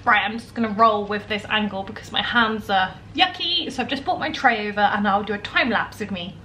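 A British home baking vlogger in her thirties gives a casual, chatty cooking demonstration indoors in her kitchen, thinking aloud as she works. Her medium-pitched voice moves a little fast, and the poor audio picks up household kitchen noise and clattering dishes.

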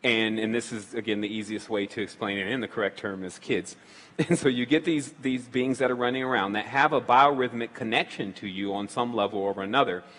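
A man's voice: lowish voice, brisk, fairly bright tone. Man, call-in show host, casual rambling talk, restarts, long reverb. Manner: rambling, loose explanations with many restarts. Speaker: radio show host taking calls.

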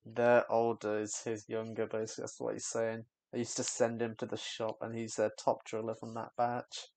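A man's voice: on the low side, completely flat delivery, moderate pace, gravelly, darkish tone, no echo. A young man giving casual, candid reaction commentary on a music video, rambling and trailing off with fillers.

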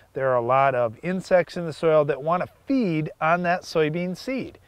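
On a dry-sounding lapel mic recording, this American farm show co-host in his thirties speaks with a somewhat high voice. Standing in a field, he walks through scripted educational material step by step, dropping in small fillers.

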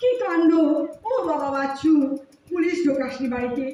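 A woman's voice: sits high, moderate pace, a little mellow, close to an everyday voice. A woman playing a timid, fretful middle-aged aunt in an audio drama. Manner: anxious, plaintive, fretful. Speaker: radio drama actor. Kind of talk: Bengali audio drama acting. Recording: dull distant echoey room with faint hiss.

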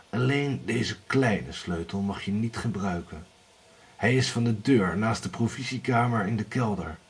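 A man voicing a rich, menacing husband who gives calm, threatening warnings. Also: on the low side, husky, distant mic, exaggerated voice.

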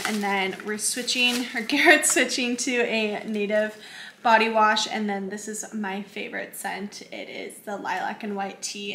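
A lifestyle vlogger in her twenties bubbles through a shopping haul in her echoey home kitchen, chatting casually and full of "like" fillers. Her fairly high voice is bright and forceful, picked up by a camera in front at medium close framing, with a little hiss or hum.

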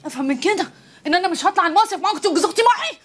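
An actress playing a sharp-tongued, fed-up young wife with an Egyptian accent, scolding her husband. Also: very high-pitched, lively intonation, very fast, slight background noise. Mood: demanding. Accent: Egyptian Arabic. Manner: scolding, exasperated. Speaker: comic film wife. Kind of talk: comedy film acting.

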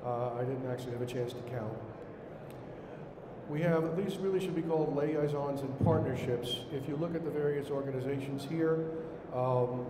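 A middle-aged man with a Brooklyn accent giving a formal slide presentation to a conference room, in a halting way. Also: medium pitch. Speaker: conference speaker standing in for a director. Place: indoor conference room with seated audience. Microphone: podium microphone, later picked up by hand. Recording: echoey hall, noisy room ambience.

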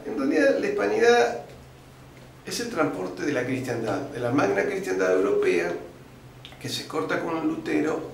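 A man with an Argentine accent, a guest in an interview, telling a long history lesson and often stopping on "este" and "eh" and clearing his throat. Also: fairly high pitch. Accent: Argentine Spanish. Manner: didactic storyteller, uses fillers like "este" and "eh", clears throat often. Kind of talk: lecturing historical account. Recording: very echoey room with faint background noise.

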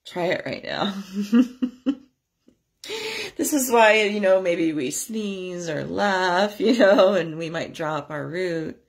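A woman with a fairly low voice, stuffy and scratchy from a cold, leading a spiritual workshop. She talks unhurriedly in loose, rambling asides and draws her chants out slowly and steadily. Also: husky. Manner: chatty, rambling asides with soft laughs. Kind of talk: guided chanting class.

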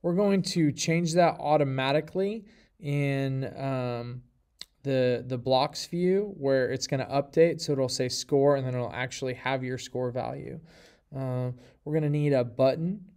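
A man's voice: medium pitch, a little slow, a little mellow, smooth. A man teaching a coding lesson in a casual, chatty way, with joking asides and lots of fillers. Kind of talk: casual screen-recorded coding tutorial.

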